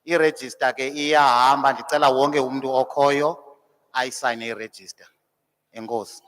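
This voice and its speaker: A man's voice: mid-range voice, fairly even intonation, normal speed, fairly bright tone. A South African man with a Xhosa accent making housekeeping announcements to a meeting, repeating plain instructions.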